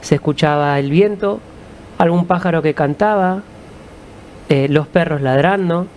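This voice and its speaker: A man with an Argentine accent, a musician guest, answering in a calm, reflective storytelling way. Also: a little high, a little slow, a little hiss or hum. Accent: Argentine Spanish.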